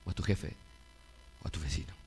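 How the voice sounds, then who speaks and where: A middle-aged man preaching a sermon, moving between loud emphatic peaks and quiet low asides, and acting out the quoted voices of his listeners. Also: brisk, slight background noise. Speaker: pastor.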